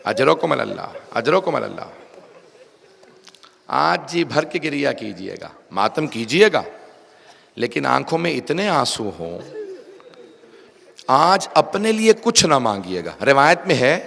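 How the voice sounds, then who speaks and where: A man preaching a mourning sermon at a gathering, telling his story slowly and with feeling, dropping to near-quiet and then rising to loud outbursts. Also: a little high, very animated, vocal fry. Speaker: Shia preacher. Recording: echoey hall with faint background noise.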